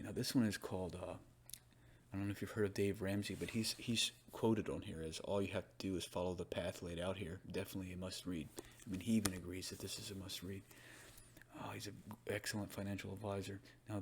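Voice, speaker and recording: A low-voiced man speaks softly in an ASMR ASMR role-play as a librarian. He rambles informally through his book commentary, conversational and unhurried in wording. There is clear noise and clicking behind his voice. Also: flat delivery. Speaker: ASMR performer playing a librarian.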